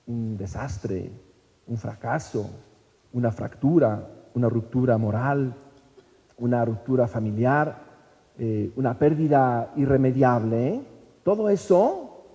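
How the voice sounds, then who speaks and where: A man giving a relaxed, sermon-style talk and regularly tossing tag questions back at his listeners. His voice is mellow and warm, and his pitch moves expressively through each phrase. A long reverb hangs over everything in a large hall. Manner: conversational, constant tag questions.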